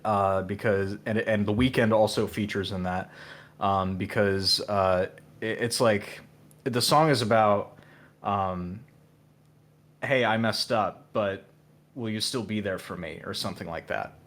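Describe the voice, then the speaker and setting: A male guest musician in casual interview chat, hesitant with many fillers and restarts, with dry, low-key humor. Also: a little slow, a bit bright.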